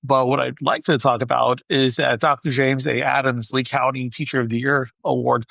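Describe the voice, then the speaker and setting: A man's voice: medium pitch, little pitch movement, moderate pace, gravelly, fairly bright tone, dry recording. A man hosting a teacher podcast, talking earnestly and a little ramblingly, doubling back on his words. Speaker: podcast host. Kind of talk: interview podcast conversation. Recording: dry, slightly dull podcast audio.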